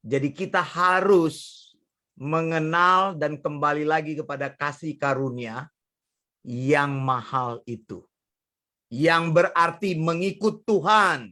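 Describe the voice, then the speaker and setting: A male pastor preaching a sermon in a lively storytelling manner, often chuckling and addressing the congregation directly. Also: fairly high pitch, slow pace.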